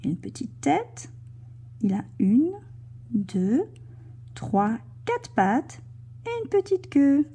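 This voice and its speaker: A woman leads a cursive writing lesson for young children, speaking slowly and guiding each stroke. Her voice is fairly high but very mellow and dark in tone, with a strongly breathy, husky quality. She slips into soft whispers as she writes. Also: very animated. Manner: slow, gentle, talks the child through each stroke. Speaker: teacher.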